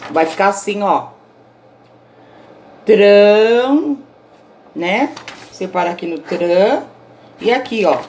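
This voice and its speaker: A woman's voice: fairly low pitch, expressive, a little slow. A woman teacher recording her own online grammar lesson, explaining patiently and checking in with her students often. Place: indoors, self-recorded at home.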